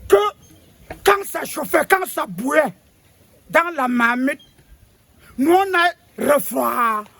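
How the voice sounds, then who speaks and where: A man's voice: extremely high pitch, lively intonation, slow, creaky, pushed and bright, heavily acted. A man playing a pompous old self-styled spokesman of the ancestors, rambling and stammering as he sermonizes. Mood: sermonizing. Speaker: comic figure lecturing on national football. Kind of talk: comedy sketch monologue.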